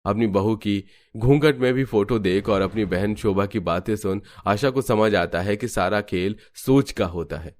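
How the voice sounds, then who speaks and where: A man narrating a cartoon story in steady, scripted storytelling. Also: lowish voice, unhurried, few pauses.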